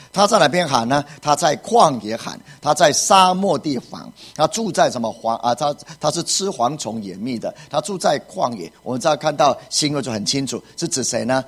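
Pastor, male, husky voice, emphatic sermon delivery with repetition. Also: medium pitch, fairly bright tone. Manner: emphatic preaching with repeated phrases and rhetorical questions.

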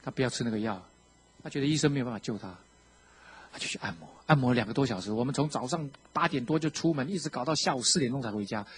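A man with a Taiwanese Mandarin accent tells his own story from the pulpit in a husky voice at a middling pitch. He acts out each quote as he goes, dropping to a hush and then rising to a loud pitch. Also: quick pace. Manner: animated storytelling, acting out quotes, swinging from hushed to loud. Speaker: preacher sharing his testimony. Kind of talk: sermon testimony.

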